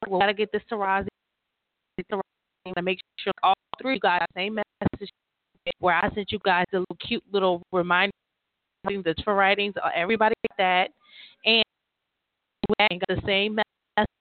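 A woman's voice: mid-range voice, fairly even intonation, normal speed, long pauses. A woman who leads a group of writers, talking over a phone line from a laptop with headphones, rambling and restarting as she calls her listener girl. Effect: heard over a phone line. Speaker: author and publisher leading a writers' call. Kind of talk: casual call with a writer. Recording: tinny, dry call audio.

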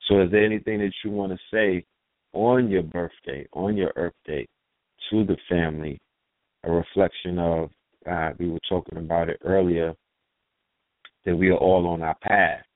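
A man in his forties hosting a radio talk show, speaking in a relaxed, laid-back way with drawn-out phrasing. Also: deep voice, no room sound. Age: 40s. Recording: dry phone-line call audio.

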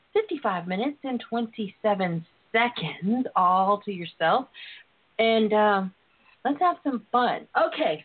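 A woman hosting a talk show in a sassy, bawdy, playful way, flirtatious and free with endearments. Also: medium pitch. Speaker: radio talk show host, relationship and intimacy coach. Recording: tinny phone-line internet radio sound.

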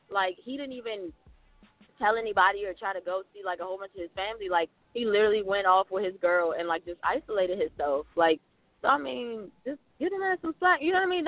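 A man with a high voice co-hosts a podcast in casual, animated chat and leans on "like" as he talks. The sound is dry and thin, like a phone line. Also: dry recording. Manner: animated, talks fast with many "like" fillers. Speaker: podcast co-host.

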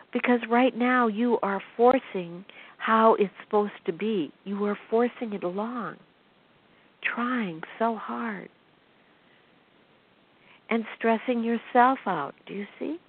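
A woman channeling spiritual guidance on her radio show, talking in a slow, soothing, repetitive way and often asking the listener if they see. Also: fairly high pitch. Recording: phone-like web radio line.

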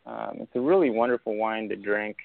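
Speaking fairly quickly in a fairly low, gravelly voice, a young winemaker from Argentina joins a casual interview chat as a guest. His talk rambles with many fillers and restarts, carried over a tinny, dry, phone-like line.

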